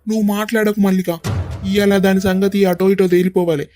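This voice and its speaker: A man's voice: sits high, level tone, fast talker, soft background music, natural voice. A man voicing a hot-tempered, bossy young village son in a cartoon, with a Telangana Telugu accent. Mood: angry. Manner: angry, bossy shouting. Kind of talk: cartoon voice acting.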